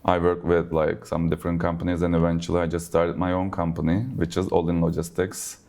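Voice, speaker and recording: A man's voice: sits low, fairly quick. A man from Turkey, a non-native English speaker, talking casually at an industry event interview, with lots of "like" and "basically" fillers. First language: Turkish. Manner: relaxed, uses many fillers like "like" and "basically". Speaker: logistics business owner. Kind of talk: conversational interview. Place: conference event.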